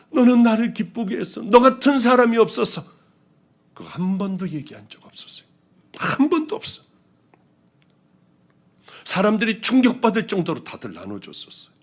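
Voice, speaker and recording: A male pastor preaching a testimony sermon, telling his story with lively acted-out quotes that swing from loud outbursts to hushed whispers. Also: on the high side. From South Korea.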